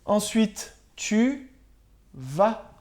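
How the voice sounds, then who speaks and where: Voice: medium pitch, very animated, extremely slow, darkish tone. A primary school teacher giving a recorded lesson to pupils at home, patiently spelling words out letter by letter and often checking that they follow.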